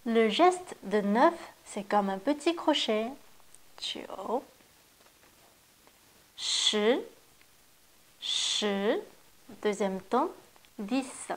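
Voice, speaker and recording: A woman's voice: on the high side, expressive. A woman teaching a language lesson, carefully modeling sounds and explaining them step by step. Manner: slow, careful modeling of pronunciation. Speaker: Chinese teacher. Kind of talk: classroom lesson.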